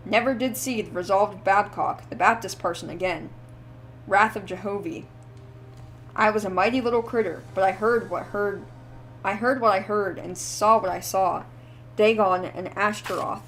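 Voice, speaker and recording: A woman's voice: medium pitch, close to an everyday voice. A woman voicing a wheezy, ranting old drunk man who rambles feverishly in rustic old-timer speech. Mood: muttering. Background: faint background music.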